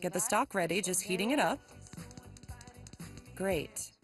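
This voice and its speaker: A woman's voice: lowish voice, expressive, a little slow, faint music behind. A woman cooking at home, narrating each step and teasing her friend in casual banter. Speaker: home cook.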